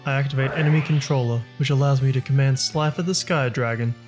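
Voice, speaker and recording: Male reader voicing a cruel young rival duelist, smirking, prone to shouting. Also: medium pitch, fast talker, soft background music, pitched above the performer's own voice, natural voice. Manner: cold, smirking, bursts into shouting.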